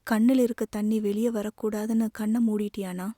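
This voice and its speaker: Caring younger sister as a woman reads her, tearful and pleading, slightly raised voice, mellow dark tone. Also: medium pitch, little pitch movement, moderate pace, dry recording, studio quality, close to an everyday voice. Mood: gently reproachful.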